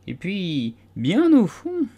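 A man voicing a sleepy male dormouse in a storybook, with a faint, hoarse voice and a slow, drawn-out way of talking. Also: sits high, wildly swooping pitch, warm tone, voice pushed up, full character voice. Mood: drowsy. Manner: drowsy, drawn-out.

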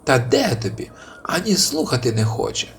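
A man playing a clever, flattering little hare. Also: medium pitch, moderate pace, a little hiss or hum. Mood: pleading. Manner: very polite, flattering, pleading. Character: clever little male hare, humble and cunning.

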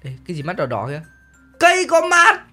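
A man's voice: high-pitched, huge pitch swings, fast, sharp tone, faint music behind. A man hosting a game video, chatting casually and teasing jokingly as he plays. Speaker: gaming channel host.

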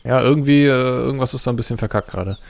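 A man's voice: medium pitch, racing, gravelly, no room sound. Easygoing German gamer man. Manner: easygoing, commenting on graphics, flustered when chased. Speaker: let's play co-host. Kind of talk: casual gaming chat.

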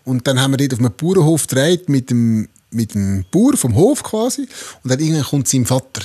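Husky swiss guy on a comedy podcast, giggly, really lively pitch. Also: fairly quick. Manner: giggly, chuckles while telling stories. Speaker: podcast co-host. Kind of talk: casual comedy chat.

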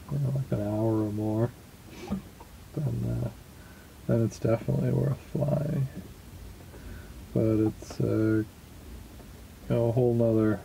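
Man, gravelly voice, very dark tone, halting casual talk, small boat cabin, faint background noise. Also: lowish voice, rough recording. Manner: slow, halting, many fillers. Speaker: small boat sailor vlogging. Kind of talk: casual spoken log.

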